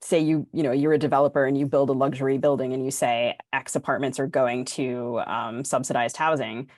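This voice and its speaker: Speaking in a rumbling low, darkish voice with fairly even intonation, this American woman moves briskly as she muses informally on a podcast panel she co-hosts. The studio sound is dry and clean.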